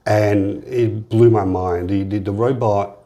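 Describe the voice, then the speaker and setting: A man's voice: fairly low pitch, fairly even intonation, slow, dark tone. A man hosting a casual interview podcast, often repeating words and restarting his sentences.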